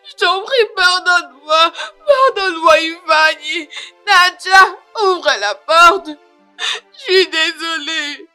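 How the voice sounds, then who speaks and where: A woman's voice: sits high, bright, forceful tone, exaggerated voice. A woman voicing a remorseful estranged wife in a French film dub, crying and pleading desperately for forgiveness.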